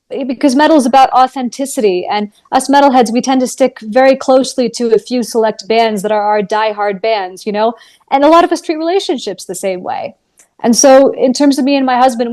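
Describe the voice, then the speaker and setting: A woman's voice: a little high, normal speed, a little mellow. A woman in her thirties, a musician guest, talking earnestly and thoughtfully in a casual interview.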